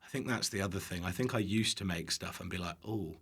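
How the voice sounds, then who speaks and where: Low-pitched, fast and gravelly, yet fairly bright and husky, this British cooking creator talks casually as a podcast guest. His humor is self-deprecating, and he swears offhandedly.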